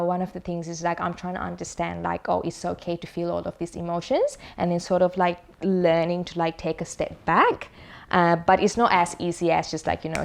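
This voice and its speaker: A woman's voice: lowish voice, vocal fry. A young woman from Sri Lanka speaking casually about her own experience, full of fillers and restarts. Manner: rambling, many fillers and restarts. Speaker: interviewee sharing lived experience. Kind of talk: casual testimonial.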